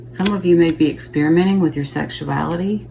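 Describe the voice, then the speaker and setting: A woman's voice: on the low side, a little fast, creaky, heavy background noise. A woman giving a casual, chatty tarot reading to her viewers, thinking aloud and checking in with them as she goes. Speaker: tarot reader.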